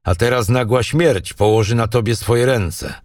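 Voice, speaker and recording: A man's voice: mid-range voice, moderate pace, a little mellow, no echo, studio quality, far from the mic, close to an everyday voice. A man reading as a stern young Norse king. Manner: stern, terse commands. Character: young proud Norse king, fierce and commanding.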